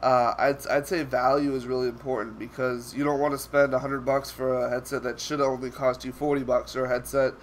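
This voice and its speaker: A man's voice: mid-range voice, flat delivery, brisk, few pauses, a little hiss or hum. A young man with a stuffy voice from a cold, talking casually over gameplay and rambling with many fillers and restarts. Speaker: gaming YouTuber.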